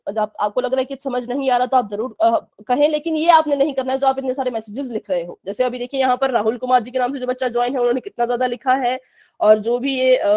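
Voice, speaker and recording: A woman's voice: high voice, darkish tone. A woman teaching fractions in a live online class for children, explaining patiently, repeating checks, and giving firm warnings about chat behavior.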